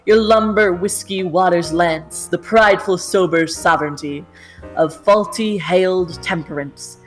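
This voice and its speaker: A woman's voice: lowish voice, unhurried, natural voice, low-quality recording. A woman voicing a florid, grandiose male vagabond poet cat in an amateur cartoon dub, with a declaiming manner. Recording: guitar music behind.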